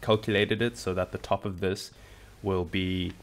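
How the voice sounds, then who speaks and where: A man with a very deep voice talks his way through a game in a groggy, just-woken-up tone. He rambles and restarts, full of fillers, in a casual commentary style. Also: flat delivery, normal speed. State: groggy morning voice. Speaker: gaming channel host.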